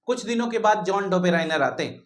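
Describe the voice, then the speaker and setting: A man's voice: high voice, lively intonation, a little fast, fairly bright tone. A man teaching a chemistry lesson, who calls his students "beta", asks questions and answers them himself, and repeats his key points. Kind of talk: classroom lecture.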